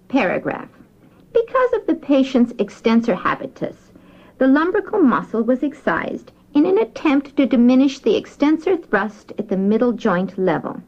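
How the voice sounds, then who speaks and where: A woman's voice: a little high, a little mellow. A woman giving a formal medical dictation as a surgeon, speaking in a precise, carefully enunciated way. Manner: precise, enunciated, spells out words. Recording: dull lo-fi dictation recording.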